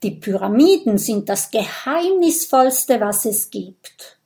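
An eager little boy fire dragon from a storybook, voiced by a woman reader. He talks with bright curiosity, keen on secrets and adventure. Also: a little high, slow pace. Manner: eager, bookish, lively.

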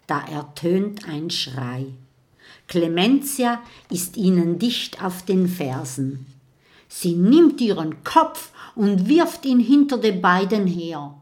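A woman narrating a children's story with a measured, dramatic read-aloud delivery. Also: fairly low pitch.

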